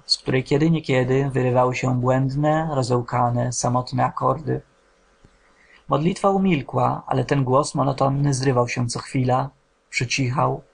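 Gravelly, husky male audiobook narrator. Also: medium pitch. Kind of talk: scripted literary narration.

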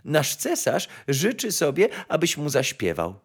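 A man voicing a poor little kitchen girl in a storybook reading, speaking high and eager. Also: very animated, measured pace.

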